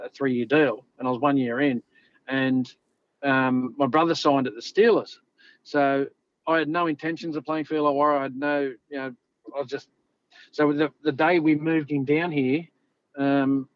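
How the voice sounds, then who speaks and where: In a laid-back, wandering manner full of "you know," a former Australian rugby league player in middle age shares stories during a relaxed interview. His voice is mid-range, with no echo, and the lo-fi sound is a touch dull.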